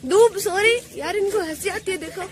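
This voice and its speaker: A woman's voice: high voice, moderate pace. A young woman from Rajasthan, India, chatting and teasing as she vlogs a village festival morning on her phone. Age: young adult. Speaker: vlogger. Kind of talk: casual vlog commentary. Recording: phone video with loud music and crowd.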